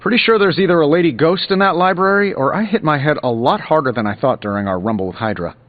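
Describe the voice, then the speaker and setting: A man's voice: fairly high pitch, expressive, fast talker, lightly acted. A man voicing a self-assured billionaire superhero inventor in a video game, breezy, sarcastic and boastful. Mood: wry, boastful. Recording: slightly dull audio under loud music.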